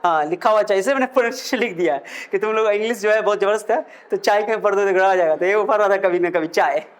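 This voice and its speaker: Male physics teacher, high-pitched, coaxing lecture delivery. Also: fast, clean tone. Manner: lively, coaxing, quizzes students with questions. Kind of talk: classroom lecture.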